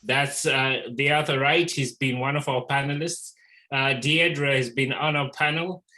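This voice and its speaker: A man hosts an art talk over a video call, and his voice sits in a middling pitch. He rambles through the announcements, stopping often on ums and restarting his sentences. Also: fairly even intonation, measured pace, sharp tone, poor audio. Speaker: host of an online art talk.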